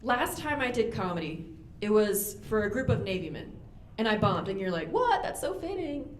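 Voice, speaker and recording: A young woman doing a stand-up comedy set on a club stage, delivering deadpan punchlines and quick acted-out voices into a handheld mic. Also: medium pitch, slight background noise. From United States. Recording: roomy club with audience ambience.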